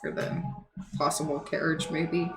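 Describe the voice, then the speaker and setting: A woman's voice: sits low, little pitch movement, measured pace, music in the background, rough recording. A woman chatting casually as a player in a tabletop game, giggly and a little hesitant.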